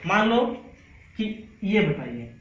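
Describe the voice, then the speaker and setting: High bright-voiced male teacher quizzing class. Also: sing-song, takes it slowly, reverberant, lo-fi sound, slight background noise. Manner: repeats each sound and quizzes the class. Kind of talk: classroom lesson.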